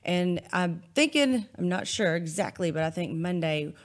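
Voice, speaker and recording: A woman's voice: on the low side, animated, moderate pace. A woman hosting a talk show in an informal, enthusiastic, chatty style. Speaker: show host. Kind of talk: casual upbeat talk show chat.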